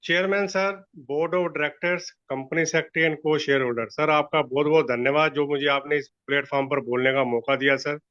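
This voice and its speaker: Polite shopkeeper guy from delhi on a muffled phone line, high bright voice, dry sound. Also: fairly even intonation, unhurried, hardly any pauses, no room sound. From Delhi, India. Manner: polite, says "sir" often. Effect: heard over a phone or audio line. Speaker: shareholder and shopkeeper asking a question. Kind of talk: formal question at a shareholder meeting.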